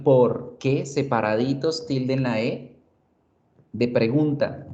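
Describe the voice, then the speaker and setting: A man teaching an online English class, explaining slowly and checking in with short questions. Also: medium pitch, darkish tone, dull audio.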